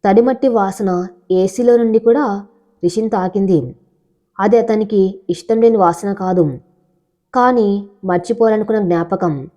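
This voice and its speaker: A woman narrating a scripted love story in an even, measured way. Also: medium pitch, lo-fi sound.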